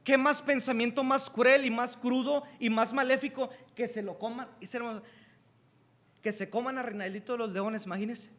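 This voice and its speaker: Man, pastor, sermon, very high-pitched, bright forceful tone, emphatic repetition, hushed lows and loud peaks. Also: fairly even intonation, normal speed. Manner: emphatic preaching with repeated calls to brethren; swings between hushed lows and loud climaxes.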